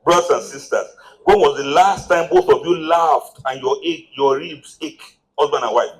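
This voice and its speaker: A Nigerian man with a fairly high voice gives a motivational marriage seminar. He preaches in a run of rhetorical questions and climbs into animated, exclaiming stretches. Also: normal speed, poor audio.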